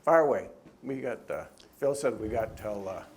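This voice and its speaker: A middle-aged man, the author, gives an earnest, animated talk at a church and takes questions, frequently stopping and starting over. His voice is lowish and darkish at a moderate pace, with a faint hiss or hum in the recording.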